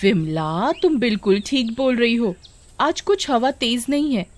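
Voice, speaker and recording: Casting: a sneering, teasing young village girl, voiced by a woman, storybook, high voice. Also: expressive, measured pace. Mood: taunting. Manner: taunting, sneering. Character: mocking young village girls.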